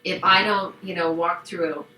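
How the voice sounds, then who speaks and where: A woman who is a grandmother and a marriage counselor co-hosts a podcast, explaining things in an affirming, good-humored way. Her voice is bright and forward at a mid pitch. An echoey room with faint background hiss surrounds her. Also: fairly even intonation, a little slow. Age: middle-aged or older, has grandchildren. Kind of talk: casual chat.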